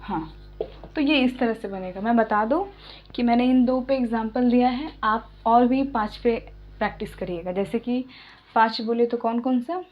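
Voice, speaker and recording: A woman teaching an English lesson, explaining slowly and patiently and often checking that her students follow. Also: on the high side. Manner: patient, repeats and checks understanding. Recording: dull lo-fi sound.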